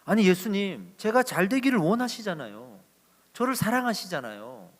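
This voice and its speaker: A pastor acting out a grumbling male churchgoer who whines in a raised, lively voice as he complains. The sound rings with a long reverb, like a big church hall. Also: sits high, moderate pace, pitched above the performer's own voice. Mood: aggrieved. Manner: whiny, indignant complaining.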